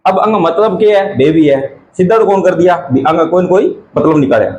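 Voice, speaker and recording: A man's voice: sits high, expressive, darkish tone, lo-fi sound, slight background noise. Man teaching grammar with a lilt. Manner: asks questions and answers them himself, repeats key terms slowly. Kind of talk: exam-prep lesson.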